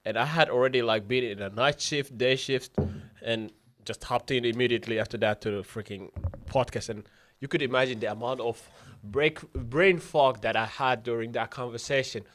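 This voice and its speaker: A man in his twenties, a non-native English speaker from Finland, chatting casually on a podcast in a slangy, animated way with some swearing. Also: medium pitch, moderate pace. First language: not English, speaks Arabic with parents. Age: 20s.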